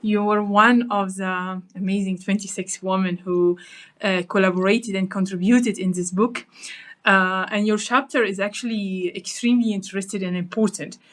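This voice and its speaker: A woman's voice: medium pitch, fairly even intonation, normal speed, rough recording. A woman hosting a podcast interview over a video call, who asks questions hesitantly and leans on fillers and the word "actually.". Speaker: podcast host. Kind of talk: casual interview conversation.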